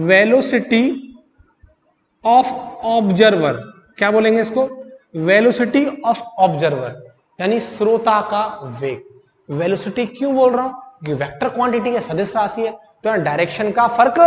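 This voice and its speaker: A male physics teacher with a Hindi accent lecturing his class, repeating key terms as questions and drawing them out slowly. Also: high voice, animated. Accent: Hindi-accented English. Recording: echoey classroom, reverberant.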